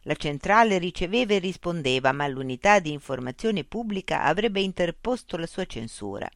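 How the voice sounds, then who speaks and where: A narrator reading a science fiction story as an audiobook in a calm, even way, close to the mic. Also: mid-range voice, fairly quick, dry recording.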